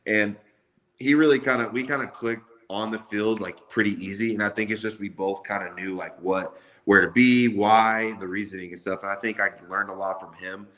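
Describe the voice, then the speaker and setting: A man's voice: fairly low pitch, fairly even intonation, normal speed, a bit bright. A man in his twenties chatting casually in an interview as a college football player, with a loose, slangy way of talking. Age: 20s. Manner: loose, slangy, repeats "like" often.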